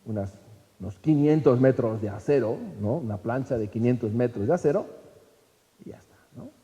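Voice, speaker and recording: A nervous German sinner, as a man puts him on in a joke, speaking in quiet, hesitant bits as he braces himself. The tone is mellow, and the sound rings through a long hall reverb. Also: mid-range voice, animated, moderate pace, lo-fi sound, close to an everyday voice.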